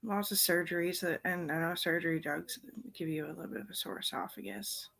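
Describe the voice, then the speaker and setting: Low-voiced woman, rambling and drifting. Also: steady tone, brisk, vocal fry, a bit bright, breathy edge. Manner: drifting, trails off into unvoiced whispers; meandering, loose train of thought. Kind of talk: rambling casual monologue.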